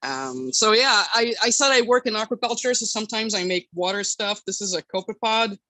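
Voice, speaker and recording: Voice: medium pitch, expressive, a little fast, bright, forceful tone, dry recording. A person from Quebec giving a casual, hesitant live tour of a home workshop, speaking informally as a hobby sculptor. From Quebec, Canada. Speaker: hobby sculptor streamer showing work. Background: bubbling aquarium water, passing truck.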